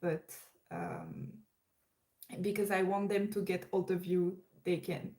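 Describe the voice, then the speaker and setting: A woman's voice: lowish voice, fairly even intonation, takes it slowly, warm tone, rough recording. A young woman with a French accent hosting a casual livestream chat, hesitant with many fillers and restarts. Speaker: livestream host.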